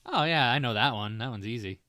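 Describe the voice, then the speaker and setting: A man in his thirties co-hosting a casual podcast, easygoing and quick to laugh as he guesses the meanings. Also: mid-range voice, animated, pushed and bright, no room sound, studio quality. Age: 30s. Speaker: podcast co-host.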